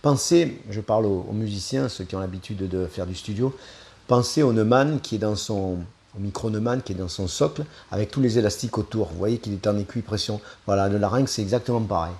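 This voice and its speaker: A man's voice: fairly low pitch, fairly quick, darkish tone, breathy edge. A man giving a singing lesson, explaining vocal technique step by step and tagging his points with little asides. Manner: explanatory, with frequent "hein" tags. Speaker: singing teacher.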